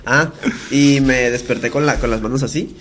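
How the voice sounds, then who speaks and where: A young man with a Mexican accent, co-hosting a casual podcast chat and telling a story in halting, rambling bursts. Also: medium pitch, steady tone, a bit bright, a little hiss or hum. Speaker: podcast co-host. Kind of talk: casual chat among friends.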